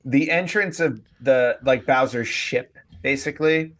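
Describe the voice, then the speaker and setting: A man's voice: mid-range voice, measured pace, a bit bright. A man co-hosting a podcast, talking casually and thoughtfully with many restarts and fillers. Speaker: podcast co-host. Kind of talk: casual chat.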